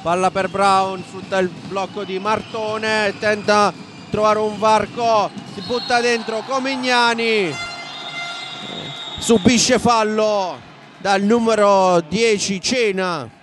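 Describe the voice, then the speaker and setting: A man with an Italian accent giving live basketball play-by-play commentary from a sports hall, raising his voice excitedly at big plays. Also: high-pitched, takes it slowly. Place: indoor basketball arena. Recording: noisy sports hall ambience.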